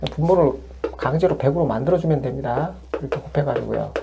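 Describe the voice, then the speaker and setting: A woman math tutor explains each step patiently, the way she would with a student. Her voice sits extremely low and has a gravelly, creaky edge. Steady background noise runs under the recording. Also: fast. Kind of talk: worked-example lesson.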